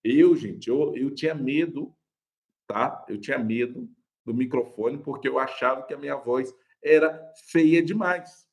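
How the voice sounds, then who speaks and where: This young adult man, a Brazilian pastor, delivers a live online class on preaching in a lively, conversational style. He takes his time, speaking at a medium pitch. Laughter comes often, and he refers to viewers as "gente".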